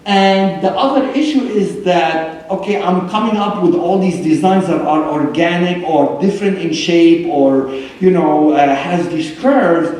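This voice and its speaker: A man's voice: fairly high pitch, measured pace, a little mellow. A man giving a casual conference talk about his artwork, chatty and full of fillers and restarts. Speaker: artist presenting at a symposium. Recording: echoey hall from far off.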